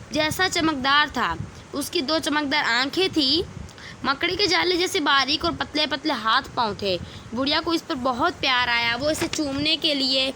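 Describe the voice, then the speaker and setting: Bright high-voiced woman telling a story. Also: slight background noise. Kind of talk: reading a children's story aloud.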